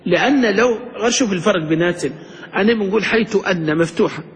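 Male grammar teacher, high voice, drills the class with questions, lecture recorded in a reverberant hall. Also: fast talker. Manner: quizzes students with questions, then answers them himself.

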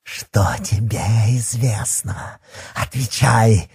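A man's voice: sits low, normal speed, creaky, dark tone, breathy edge, no echo, clean studio sound, soft background music, full character voice. A man voicing a menacing male werewolf who growls, hisses and purrs his threats.

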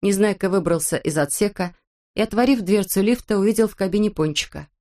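A woman narrating a children's storybook in an even storytelling manner. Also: mid-range voice, brisk. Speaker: audiobook narrator.

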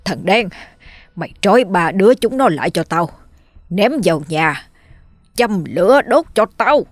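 A woman's voice: lowish voice, fairly quick, no echo, lightly acted. A woman voicing a cruel, furious old male village official who barks orders. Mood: screaming. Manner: shouting, barking orders.

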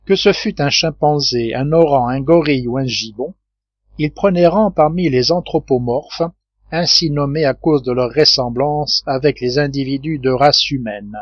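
Male narrator for a classic novel audiobook; steady, measured delivery, dull dry recording. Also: medium pitch, dry recording.

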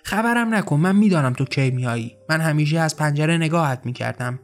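A man reading the lines of a lonely young child in an audiobook story, raising his voice to a softer, pleading tone. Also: on the high side, expressive, faint music behind. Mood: tender.

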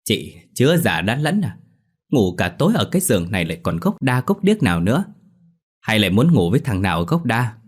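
A man voicing a sharp-tongued village mother who nags her daughter in a shrill, scolding tirade. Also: very animated, brisk, slightly rough.

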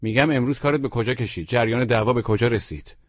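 A man voicing a calm gray-haired older man who talks steadily and firmly, trying to placate his friend. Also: mid-range voice, no echo, dull audio, pitched above the performer's own voice, natural voice. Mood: placating firm.

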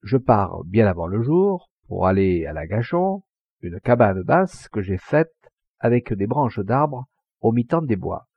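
Man reading a boastful Provençal hunter, a showy tall-tale teller, rough husky voice. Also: lowish voice, big pitch swings, a little slow, no room sound, heavily acted. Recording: dull lo-fi recording.

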